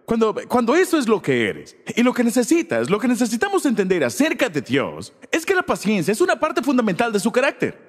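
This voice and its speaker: High, lively-voiced male preacher. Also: big-room sound. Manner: preaching with frequent rhetorical check-ins to the congregation. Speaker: pastor. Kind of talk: sermon.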